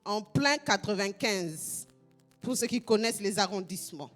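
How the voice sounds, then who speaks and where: A woman pastor from Congo preaching a fervent sermon, repeating phrases in a half-sung shout. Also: mid-range voice, expressive, normal speed, soft background music.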